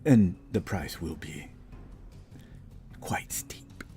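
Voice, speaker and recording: A man's voice: low-pitched, lively intonation, dark tone, faint music behind, full character voice. A man voicing a gloating devil in a tabletop game, drawing out his words with smug mockery. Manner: drawn-out, mocking, smug. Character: gloating, taunting male devil who relishes suffering.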